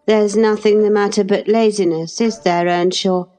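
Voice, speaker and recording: A pert, spiteful teenage boy, voiced by a woman speaks a bit above her usual pitch. His tone is prim and sneering, taunting at every turn. Soft music sits faintly underneath. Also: steady tone, normal speed, natural voice.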